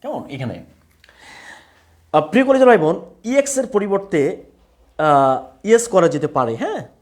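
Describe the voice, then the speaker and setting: Man, Bengali accent, live online grammar class, animated pitch, slow repetition, checks understanding. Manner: repeats words slowly, checks understanding often. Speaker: English grammar teacher.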